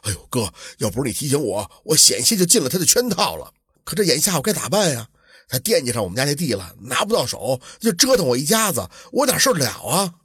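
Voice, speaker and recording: A man's voice: fairly high pitch, sing-song, quick pace, fairly bright tone, husky, no room sound, studio quality, exaggerated voice. A man voicing a poor, hot-tempered farmer in a folk tale, pleading and agitated.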